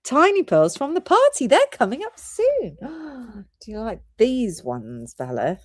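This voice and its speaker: A woman's voice: on the high side, wildly swooping pitch, measured pace, no room sound, clean studio sound. Chatty British woman selling pearls live. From Britain. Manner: chatty, giggly, rambling product talk. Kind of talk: live shopping stream.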